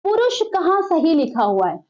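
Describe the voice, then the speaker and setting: Woman teacher, high voice, lively rising and falling pitch, dull lo-fi recording, quizzing and then answering. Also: moderate pace. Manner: asks the class questions, then answers them herself. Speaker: Hindi teacher. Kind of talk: exam-prep lesson solving questions.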